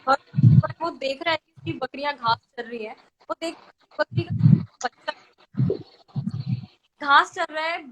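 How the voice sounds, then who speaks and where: A woman's voice: sits high, a little slow, pauses often, a bit bright, poor audio. A woman chatting casually on an online call whose audio keeps breaking up and glitching. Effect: choppy, breaking-up online call audio. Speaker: guest poetry reciter on an online event. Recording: voice over a glitchy internet call, drifting from the mic.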